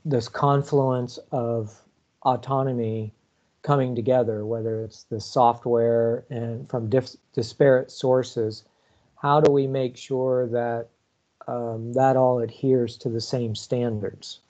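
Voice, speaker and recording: A man moderating on a video call, putting his question together haltingly with many pauses and fillers. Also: mid-range voice, little pitch movement, warm tone. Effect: heard over a video call. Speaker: forum moderator. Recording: muffled video-call audio.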